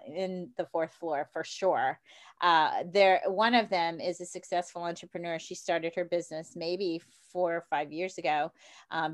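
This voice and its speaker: A woman in her fifties hosting an interview show, chatty and upbeat, laughing often. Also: on the low side. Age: 50s. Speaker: podcast host. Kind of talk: interview chat.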